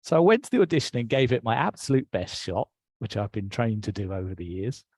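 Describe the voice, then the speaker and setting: A man's voice: fairly low pitch, very animated, a little fast, a little mellow, dry recording. A middle-aged man with an English accent, a guest telling his life story in a reflective way. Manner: reflective, recounts with quoted dialogue. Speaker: interview guest. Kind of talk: personal storytelling.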